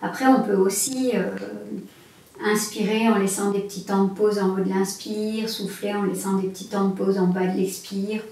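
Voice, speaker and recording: A woman's voice: mid-range voice, steady tone, normal speed, dark tone. A woman instructor giving guided breathing instruction in a conversational, step-by-step way. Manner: explanatory, with guiding step-by-step phrases. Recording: very echoey room, distant mic, faint noise.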